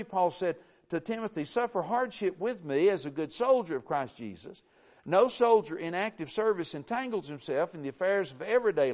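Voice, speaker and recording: A man preaching a sermon, earnest and emphatic, with frequent halting restarts. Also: high voice.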